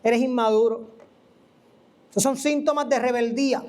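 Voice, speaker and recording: A preacher gives an animated, conversational teaching sermon, asking the listener questions. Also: mid-range voice, moderate pace. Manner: animated, asks the listener questions and acts out quoted voices. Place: church.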